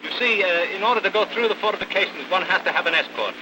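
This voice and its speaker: A brisk, courteous army officer in an early talkie film. His voice sits high for a man, with formal, clipped authority. Clear noise runs through the 1930 soundtrack. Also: animated.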